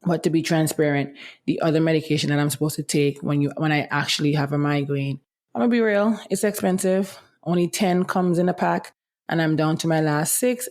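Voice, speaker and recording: Her voice affected by medication, a young woman runs a casual one-person podcast, talking openly and chattily and repeating "let me tell you." She speaks fairly quickly in a low, somewhat mellow voice.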